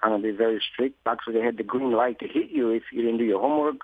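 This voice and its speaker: A middle-aged man from Greece with a Greek accent, a guest speaking in a relaxed, wry way with many fillers. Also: mid-range voice, very fast. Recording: tinny phone line.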